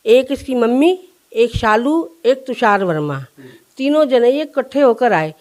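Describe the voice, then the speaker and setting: A woman with a notably high voice speaks in a news interview. She tells her account earnestly and in detail, slipping into the voices of the people she quotes. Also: lively intonation, a little slow, a little mellow. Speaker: interviewee, shopkeeper. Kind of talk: recounting events in an interview.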